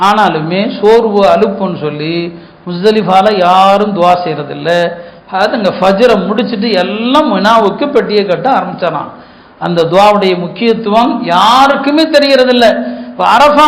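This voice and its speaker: A man with a high-pitched voice delivers an earnest sermon, leaning on repeated words to drive his points home. The sound is roomy and echoey. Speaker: Islamic preacher.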